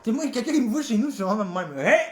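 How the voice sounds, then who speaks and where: A man's voice: sits high, expressive, racing, darkish tone, soft background music. A man with a Québécois French accent, a rapper chatting casually on a livestream and freestyling, rambling and swearing often.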